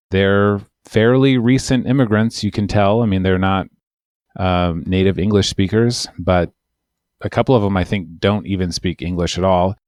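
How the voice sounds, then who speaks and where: A man's voice: on the low side, darkish tone, smooth, no echo, clean studio sound. A man, an immigration lawyer, telling a long, wry, rambling story in casual podcast chat.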